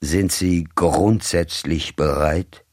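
A man reading the part of a cold, formal agent who speaks in a measured, commanding way. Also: deep voice, steady tone, dry recording, studio quality. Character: cold, commanding middle-aged male agent of a rich employer.

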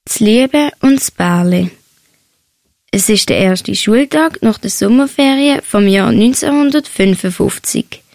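A woman's voice: medium pitch, expressive, a little slow, gravelly, a little mellow, dry recording. Swiss German woman narrating a story. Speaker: student author. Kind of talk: reading her own story aloud.

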